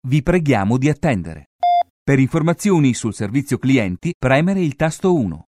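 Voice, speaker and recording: A man reads scripted phone menu announcements in a polite, clearly enunciated customer service voice. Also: mid-range voice, big pitch swings, normal speed, darkish tone, no echo, clean studio sound.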